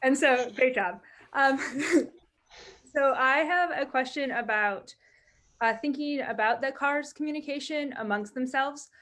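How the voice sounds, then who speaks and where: A woman's voice: high-pitched, a little slow, fairly bright tone. A woman speaking as an audience member at an academic defense, informal and a little tentative in her phrasing. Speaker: audience member asking a question.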